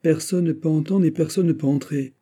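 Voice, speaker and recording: A man's voice: fairly high pitch, a little fast, warm tone, pitched above the performer's own voice, lightly acted. A man doing a smug lecherous prince. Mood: smug, coaxing. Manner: smug, coaxing, teasing. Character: lecherous noble prince, mocking and pushy.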